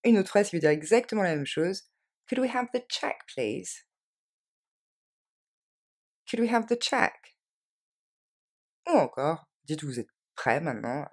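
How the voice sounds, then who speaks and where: A woman teaching English phrases to French speakers, repeating each one slowly and then quickly. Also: deep voice, very animated. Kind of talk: language lesson with repeated model phrases.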